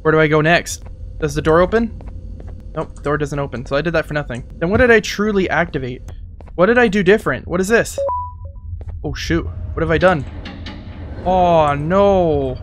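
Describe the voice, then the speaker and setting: A man's voice: on the high side, expressive, brisk, fairly bright tone, slight background noise. A young man giving casual let's-play commentary, thinking aloud in a jittery, exclamatory way. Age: young adult. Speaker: gaming video host. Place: small indoor gaming setup.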